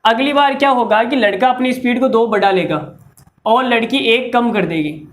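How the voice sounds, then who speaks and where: A man's voice: extremely high pitch, moderate pace, fairly bright tone. A man teaching a maths problem, who explains it through jokes and directly addresses his students. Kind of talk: comic storytelling lesson.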